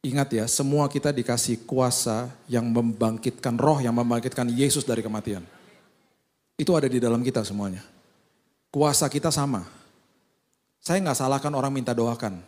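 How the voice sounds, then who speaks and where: Joking pastor preaching in casual slang. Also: male voice, medium pitch, moderate pace, darkish tone. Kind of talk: humorous sermon with acted-out anecdotes.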